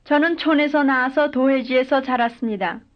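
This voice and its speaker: A high-pitched woman works through complete example sentences in a language drill, speaking at a moderate pace. Every sentence comes out careful and even, though the lo-fi recording sounds dull.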